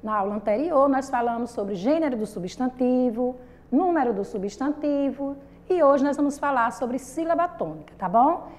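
A woman's voice: high voice, lively intonation, darkish tone. A woman teaching a primary school lesson to children with a Brazilian Portuguese accent, patient and repetitive, asking the class questions and drawing out syllables. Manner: patient, repeats and asks the class questions, drawn-out sung syllables.

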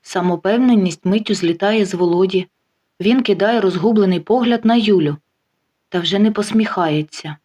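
A woman narrating a life story in a steady, even reading voice. Her pitch sits right in the middle, neither high nor low. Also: moderate pace.

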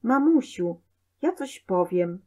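A woman reading a storybook aloud, voicing a stubborn little boy who shouts and demands. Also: medium pitch, very animated, slow pace. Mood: gentle.

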